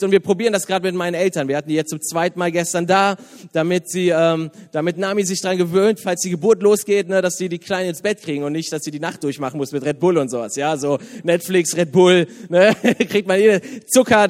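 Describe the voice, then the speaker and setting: A man's voice: high-pitched, long reverb tail. A man in his thirties, a youth pastor, giving a casual, joking sermon in church. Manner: chatty, joking, lively, laughs often. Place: church hall.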